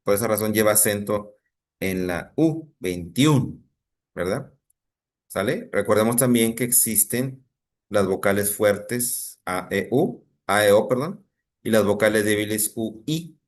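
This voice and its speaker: Brief: Mexican man, teacher, lowish voice, patient, keeps checking the class follows, video call. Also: measured pace. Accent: Mexican Spanish. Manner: patient, checks in often with students. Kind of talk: online class lesson.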